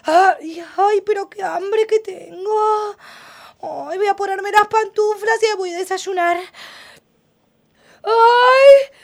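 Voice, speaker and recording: A woman's voice: extremely high pitch, slow, full character voice. A woman voicing a cheerful, dreamy little girl with a Rioplatense accent in a school radio play, full of sighs and exclamations. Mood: excited. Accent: Rioplatense Spanish.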